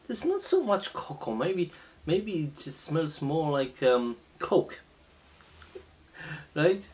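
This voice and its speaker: Middle-aged guy tasting beer on camera, slow and halting, pitch jumps around a lot. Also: sing-song, darkish tone. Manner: slow, halting, many fillers and restarts. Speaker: beer reviewer. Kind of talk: casual beer tasting review. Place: small indoor room, seated at a table.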